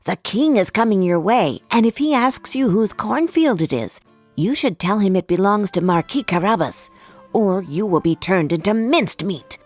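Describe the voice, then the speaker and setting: A woman's voice: mid-range voice, animated, normal speed, faint music behind, natural voice. A woman voicing a clever, scheming male cat in a storybook, bold and persuasive. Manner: pleading, then loud and commanding. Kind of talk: storybook reading.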